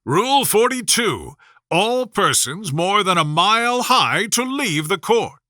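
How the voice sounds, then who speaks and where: A man's voice: high-pitched, very animated, unhurried, sharp tone, no echo, clean studio sound, voice pushed up, exaggerated voice. A man voicing a pompous, easily flustered old storybook king who makes hasty, self-important pronouncements. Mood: imperious.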